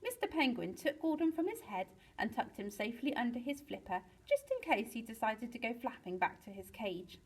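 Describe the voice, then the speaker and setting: A woman's voice: on the high side, a little fast, hardly any pauses, slightly rough, poor audio. Woman reading a children's story aloud. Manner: lively storytelling with big swings for excitement. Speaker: teacher reading to pupils.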